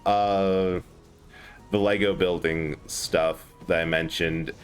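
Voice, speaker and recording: A man's voice: sits low, steady tone, slow, smooth, faint music behind. A man streaming a game, chatting casually and laughing often as he jokes. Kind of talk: casual chat while gaming.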